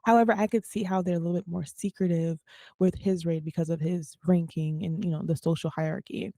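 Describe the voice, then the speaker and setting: A young woman talks in a warm, mellow voice. She's co-hosting a podcast, animated and quick to laugh. The mic sounds close and dry, with no room behind her. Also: on the low side, no room sound. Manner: animated storyteller, laughs often. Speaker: podcast co-host. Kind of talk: casual chat.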